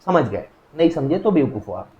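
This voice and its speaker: A young man with an Indian accent teaching a recorded law lecture in a lively, jokey way, acting out little dialogues between people. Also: a little high, brisk, echoey room, highs cut off.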